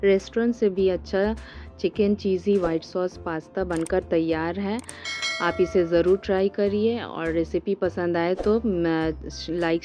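A woman hosting a cooking channel, calmly talking through a recipe step by step in a voice-over, with small hesitations. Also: lowish voice. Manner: calm step-by-step instruction with hesitations.

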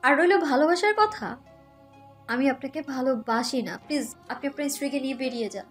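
A woman's voice: high-pitched, a little fast, faint music behind, pitched above the performer's own voice, natural voice. A woman voicing a hurt, defiant young wife who answers her father coldly and firmly. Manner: cold, firm, curt.

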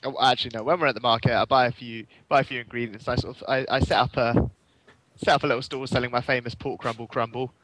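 A man's voice: medium pitch, steady tone, quick pace, fairly bright tone, slight background noise, rough recording. A young man playing a tabletop game, stammering and restarting his sentences. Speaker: player.

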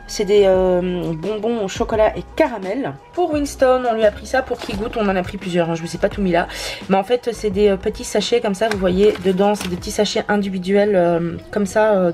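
Chatty woman with a mellow voice. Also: medium pitch. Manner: chatty, many hesitant fillers. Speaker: vlogger. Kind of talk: casual haul vlog.

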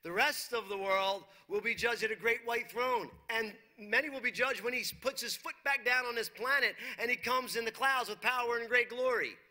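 This pastor, a man in his forties, has a very high-pitched, bright, forceful voice and speaks at normal speed with few pauses. He preaches emphatically on a church stage with a dark brick wall behind, reading scripture aloud and asking the congregation questions.

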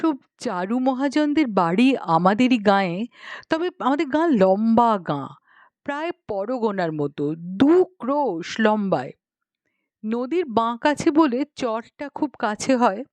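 A woman narrates a story with dramatic flair, acting out the dialogue like an audiobook narrator. Her voice sits on the high side and is slightly mellow, with no echo in the recording.

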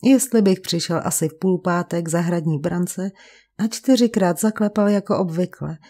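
A woman's voice: fairly low pitch, warm tone. A woman reading the lines of a frail, refined male painter of about thirty who speaks with cultured resignation, in an audiobook. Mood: resigned, cultured.

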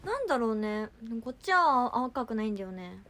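A young woman chats casually on a livestream, reading fan comments aloud and reacting to them. Her voice is fairly high and bright, and she scatters fillers through her chatter. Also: big pitch swings, brisk. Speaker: idol livestream host.

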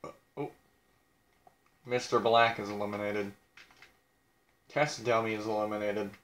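A man's voice: fairly low pitch, little pitch movement, measured pace, a bit bright, reverberant. A young man casually commenting on a video game, blunt and crude, mocking himself as he reads out who is eliminated.

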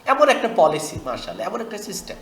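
A man from Bangladesh gives an online recitation lesson. His voice sits high and bright, and it rings in an echoey room. He sounds out each syllable slowly and says it several times. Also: huge pitch swings. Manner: explains in a conversational teaching tone. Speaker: Quran recitation teacher.

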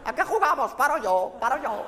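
A man voicing a panicked spectator locked in a dark theatre, shouting and swearing for someone to let him out, with a Spanish accent. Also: extremely high pitch, sing-song, a little fast, long reverb tail, some chatter behind, full character voice. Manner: frantic swearing, shouting for help.

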